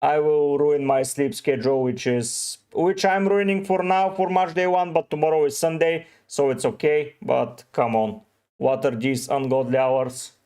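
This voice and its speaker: A man hosts a relaxed livestream, reading viewers' names and answering each one briefly. His voice sits a little high for a man and comes through smooth and clear. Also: moderate pace. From Bulgaria. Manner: reads out chat names and gives short, offhand answers. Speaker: fantasy football streamer. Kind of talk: casual livestream, answering chat.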